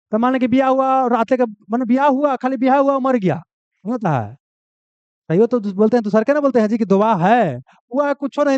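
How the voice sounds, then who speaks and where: Male coaching teacher, high and animated, drills answers by repeating them, dry, dull recording. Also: clean tone, no echo. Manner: lively, repeats key answers, asks and answers own questions. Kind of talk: classroom lecture.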